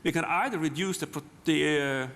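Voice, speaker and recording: A man with a Norwegian accent, a native Norwegian speaker giving a technical software demonstration, haltingly, often repeating words and restarting. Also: a little high. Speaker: software presenter. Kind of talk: live technical demonstration talk. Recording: long hall reverb.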